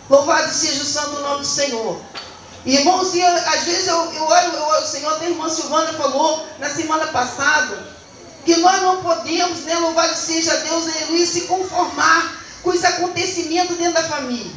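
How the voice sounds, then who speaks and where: A woman's voice: high voice, fairly bright tone, slight background noise. A Brazilian woman, a church deaconess, giving a fervent testimony sermon and often breaking in with words of praise. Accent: Brazilian Portuguese. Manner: fervent, peppers speech with praise phrases. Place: church hall. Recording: very echoey church hall, mic far off.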